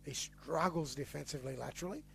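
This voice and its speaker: A man with an Australian accent, hosting a casual sports podcast, talking in a teasing, animated way and repeating words as he gets going. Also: a little high, fast talker, vocal fry, a little hiss or hum. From western New South Wales. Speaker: podcast host.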